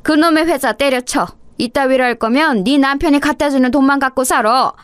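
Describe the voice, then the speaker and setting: A woman doing a raging older mother-in-law, high and shouting, harsh blunt scolding, dry close sound. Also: a little fast, no room sound, natural voice. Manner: shouting, berating, rough blunt speech. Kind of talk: dramatized storytelling.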